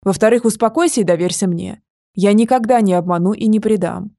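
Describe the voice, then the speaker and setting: A woman's voice: medium pitch, fairly quick, gravelly, warm tone, no echo, studio quality, lightly acted. A woman voicing a young male dragon who presses his point urgently and insistently.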